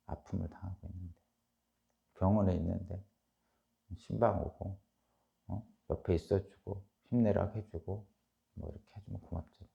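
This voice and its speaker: A middle-aged man with a Chungcheong accent delivers a dawn sermon. His voice is low, mellow and gravelly. He preaches animatedly, lifting sharply into loud emphasis and dropping to near-whispers. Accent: Chungcheong Korean. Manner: animated preaching, voicing Job's laments, rising loud then dropping soft. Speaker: pastor. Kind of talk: early-morning sermon.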